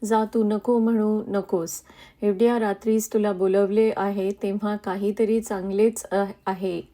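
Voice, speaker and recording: A woman voicing a motherly older woman devotee in a spoken devotional reading, encouraging slowly and firmly. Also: mid-range voice, level tone, dark tone, natural voice.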